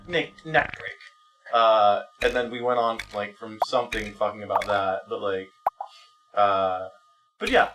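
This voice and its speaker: A fairly low-voiced man, recorded from a distance against a noisy background with music playing, gives a let's play commentary. He rambles, curses, pokes fun at himself and yells at the game partway through sentences.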